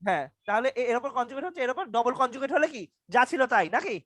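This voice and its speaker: A man's voice: very high voice, animated, racing, noisy background. A young man teaching an online university lecture over a video call. He stammers, repeats his questions and quizzes his students. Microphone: computer mic on a video call.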